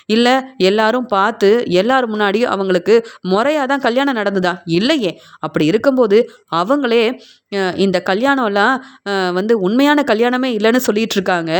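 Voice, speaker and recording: A bitter young woman who argues and accuses without letting up, her voice sitting a little high, as a woman reading aloud puts her on. She stays indignant and demanding the whole time. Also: close to an everyday voice. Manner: accusing, argumentative.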